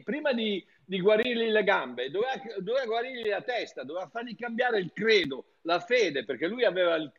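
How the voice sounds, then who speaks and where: Fervent high-voiced preacher man, lo-fi. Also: a bit bright. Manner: fervent, chatty, with frequent restarts. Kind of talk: informal Bible teaching. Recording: dull lo-fi sound.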